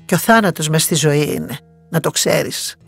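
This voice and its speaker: A woman voicing a wise, consoling old village woman in a bedtime story, low and slow. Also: lively intonation, dry recording, faint music behind, natural voice.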